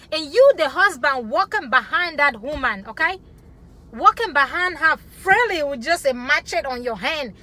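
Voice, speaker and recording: Passionate high-voiced woman vlogger. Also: pushed and bright. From Africa. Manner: passionate, emphatic, keeps adding "okay?". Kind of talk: opinionated talk to camera.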